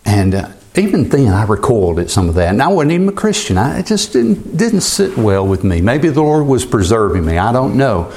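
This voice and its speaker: A man in his sixties preaching a sermon to his congregation, climbing high on key words and dropping low to drive points home. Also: sing-song, a little fast, few pauses, darkish tone. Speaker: pastor.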